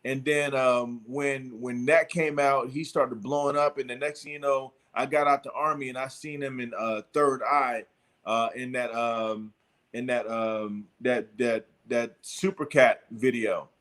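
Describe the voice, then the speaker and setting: A man's voice: medium pitch, fairly even intonation, measured pace, a bit bright. A middle-aged man hosting a casual chat, telling a long story with lots of fillers and restarts. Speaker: podcast host.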